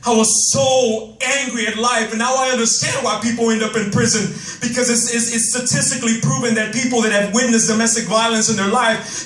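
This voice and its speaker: A man giving an emotional, animated motivational talk to young people, telling his life story into a handheld microphone and often repeating himself when stirred up. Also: sits high. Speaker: motivational speaker. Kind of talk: personal storytelling speech to youth. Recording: roomy, distant microphone sound.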